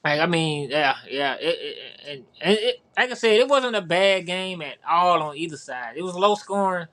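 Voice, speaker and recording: A man with a high-pitched voice co-hosts a casual sports podcast. He rambles, repeats words and leans on fillers as he talks. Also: lively intonation, moderate pace, sharp tone. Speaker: podcast co-host.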